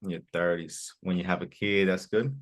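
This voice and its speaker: A man's voice: deep voice, fairly even intonation, normal speed. A man from the United States teaching an English class, asking students questions and repeating their answers back in an encouraging way. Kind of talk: online class Q&A.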